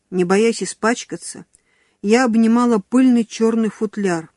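A woman narrating an audiobook in the first person, telling the story in a wry, lively way. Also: medium pitch, no room sound, studio quality.

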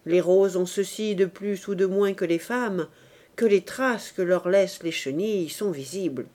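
Bitter young drunk in an audiobook, read by a woman: declamatory, mellow tone, unhurried. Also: medium pitch, lightly acted. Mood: bitter rant. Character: cynical drunken young man, gloomy wit. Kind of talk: audiobook character reading.

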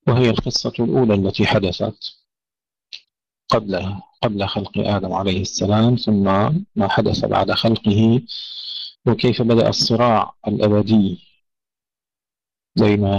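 Gravelly low-voiced male Quran teacher. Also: no echo. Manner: corrects common mistakes and slowly demonstrates pronunciations. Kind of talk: tajweed lesson. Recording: dull lo-fi dry recording.

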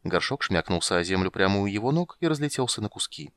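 Expressive low-voiced male narrator. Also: fast talker, dry recording. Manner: expressive, animated reading. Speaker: audiobook narrator. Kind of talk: scripted narration.

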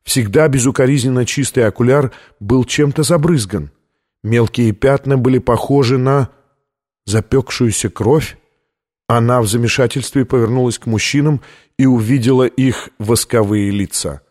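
A man narrating an audiobook in an even, measured reading style. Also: mid-range voice. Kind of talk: scripted narration.

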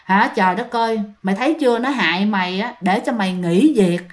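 A woman's voice: mid-range voice, a little fast, natural voice. A woman voicing an indignant, scolding neighbor woman.

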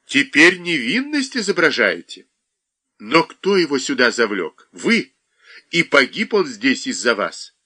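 Angry woman throwing accusations in a man's reading voice, lively. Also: medium pitch, unhurried, heavily acted. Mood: accusing. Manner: sharp, accusing.

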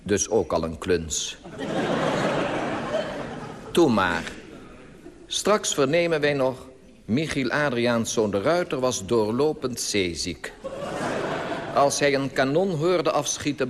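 A man's voice: medium pitch, big pitch swings, takes it slowly, pauses often. A man delivers a dry, mocking satirical monologue in a plain middle-register voice. It comes from an old radio recording. A long hall reverb and a faint background hiss run underneath.

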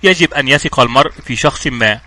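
A man's voice: medium pitch, fast talker, bright, forceful tone. Man reading as an anxious young woman. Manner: anxious, pleading. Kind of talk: audiobook dialogue reading.

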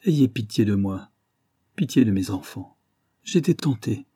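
A man's voice: fairly low pitch, lively intonation, measured pace, mellow, husky, no echo, clean studio sound. A man voicing a hulking culprit, caught and desperate, begging for mercy in a read-aloud story. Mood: pleading. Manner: pleading, desperate. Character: hulking guilty man, broken and pleading.

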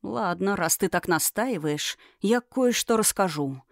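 A woman voicing a fire dragon in a man's form, speaking low, quiet and measured. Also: animated, vocal fry, dry recording, studio quality. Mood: calm.

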